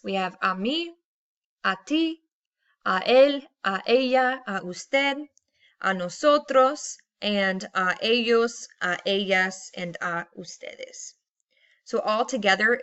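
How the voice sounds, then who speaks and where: A woman's voice: medium pitch, fairly bright tone, lo-fi sound. A woman teacher explaining grammar patiently in a recorded lesson, reading out Spanish examples.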